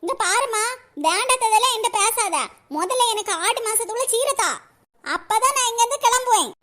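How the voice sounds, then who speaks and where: Woman voicing a squeaky stubborn kanyakumari tamil daughter, keeps insisting, bright tone. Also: a little fast. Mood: defiant. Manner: defiant, insistent. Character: stubborn demanding young married daughter.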